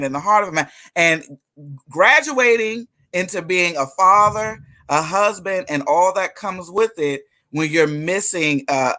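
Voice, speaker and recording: A woman hosts a live interview in a bright, forceful voice that carries. She talks with emphasis and a lively push, dropping churchy phrases into casual chat. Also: deep voice. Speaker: host.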